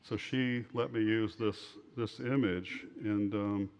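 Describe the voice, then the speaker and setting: A man giving an informal slide lecture as an author, speaking in a halting, rambling way over a muffled recording. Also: on the low side, steady tone, darkish tone.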